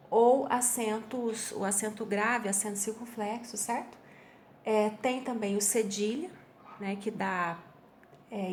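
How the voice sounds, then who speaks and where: A woman's voice: medium pitch, slight background noise. A Brazilian woman teaching a Portuguese grammar review class, explaining patiently and checking in with her students often.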